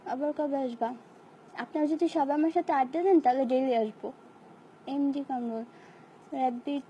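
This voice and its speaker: A young woman with a high, mellow voice that is hoarse from a sore throat. She chats casually and playfully with her viewers, dropping English phrases into her replies. Faint background noise sits under the recording. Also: muffled recording. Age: young adult. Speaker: live-stream host reading viewer comments. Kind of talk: casual live chat answering comments.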